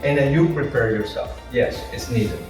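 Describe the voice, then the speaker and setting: A man, an English speaker, answering interview questions as an entrepreneur in a halting, repetitive, explanatory way. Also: mid-range voice. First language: not English. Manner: halting, repeats words, explains with rhetorical questions. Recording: echoey room, distant mic, music.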